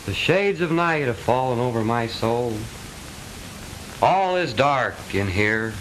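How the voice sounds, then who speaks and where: An actor playing an earnest, lovestruck young son with florid, declamatory delivery in stagey 1920s comedy film style. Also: male voice, mid-range voice, lively intonation, slow pace, fairly bright tone, rough recording. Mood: melodramatic. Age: young adult. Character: lovestruck, earnest, melodramatic college-boy son. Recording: hissy 1920s film soundtrack.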